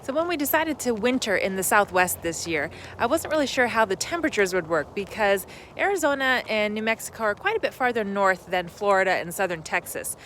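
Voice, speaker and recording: A woman's voice: mid-range voice, lively intonation, a little fast, hardly any pauses, a bit bright, a little hiss or hum. A middle-aged woman talking to camera in a casual travel vlog, chatty and upbeat, a little out of breath, standing outdoors at an RV park. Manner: chatty, upbeat, laughs easily. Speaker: RV travel vlogger.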